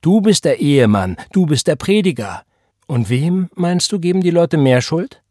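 Man voicing a defiant young woman, cold, taunting, husky, slightly raised pitch, dry close sound. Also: moderate pace, a little mellow, no room sound, close to an everyday voice.

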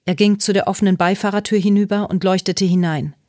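Calm woman narrating an audiobook. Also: medium pitch, fast, no echo, clean studio sound. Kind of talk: scripted narration.

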